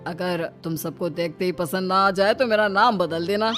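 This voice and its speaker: A woman's voice: fairly low pitch, normal speed, fairly bright tone, soft background music, natural voice. A woman voicing a friendly middle-aged elder brother in a cartoon story, talking in a jovial, persuasive way.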